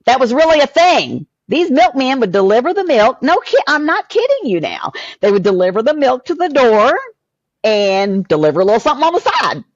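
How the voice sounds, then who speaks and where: A woman in her sixties from a small town, a podcast guest, telling her family story in an animated way that acts out what others said. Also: sits high, fairly quick, no room sound, lo-fi sound. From southern US small town. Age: 60s. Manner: animated storyteller acting out quoted voices. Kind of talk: emotional storytelling interview.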